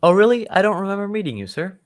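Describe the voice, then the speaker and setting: An actor playing a genial, chivalrous older English gentleman doctor with hearty old-fashioned politeness in a radio drama. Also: high voice, big pitch swings, quick pace. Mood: courteous, pleased.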